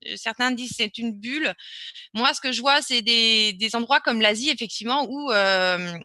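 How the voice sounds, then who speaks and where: A woman with a high, bright voice runs a live online webinar, chatting loosely and often stopping to restart her sentences. Her voice comes through a computer microphone, close and dry with no room sound. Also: normal speed, dry recording. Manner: chatty, hesitant with many fillers and restarts. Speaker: webinar presenter. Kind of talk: live webinar Q&A, casual explaining.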